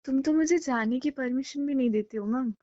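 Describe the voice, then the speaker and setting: Arguing as a clingy, jealous young girlfriend, a woman uses a fairly high, warm voice close to everyday speech, at normal speed, in a casual romantic call drama. She comes across as sulky, hurt, insistent and pleading, and the recording sounds slightly dull and lo-fi, like a phone line.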